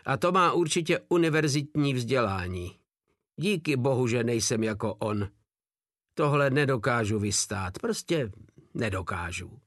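A man voicing a rowdy, cheeky soldier who reports with mock respect, his pitch jumping up and down. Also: lively intonation, a bit bright, no room sound, studio quality. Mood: scornful.

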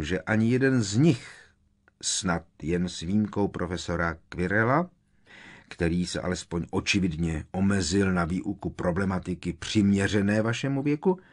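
A man voicing a pompous, sickly sweet middle-aged female school official who speaks in a slimy, condescending way. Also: lowish voice.

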